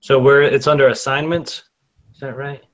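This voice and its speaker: A man's voice: medium pitch, level tone, moderate pace. A man in a student study group, asking laid-back questions in casual chat.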